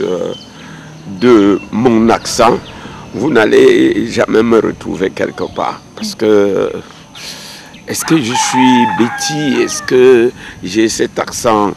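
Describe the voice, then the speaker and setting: A Cameroonian theater actor speaking as an interview guest, slow and thoughtful, pausing often. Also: male voice, fairly low pitch, gravelly, darkish tone. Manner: slow, thoughtful, with many hesitations. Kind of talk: casual interview conversation. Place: outdoors at a rural home. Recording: faint outdoor noise.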